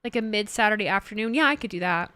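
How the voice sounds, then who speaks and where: A woman's voice: mid-range voice, lively intonation, fast talker, bright, forceful tone, clear, resonant tone, no room sound. Chatty woman in her thirties, dry mic. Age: 30s. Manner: chatty, rambling, self-correcting. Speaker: streamer. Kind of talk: casual livestream chat, reading chat.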